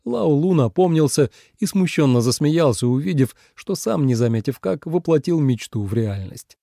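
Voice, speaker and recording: Gravelly dark-voiced male narrator. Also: on the high side, animated, moderate pace, no room sound, clean studio sound. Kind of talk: audiobook narration.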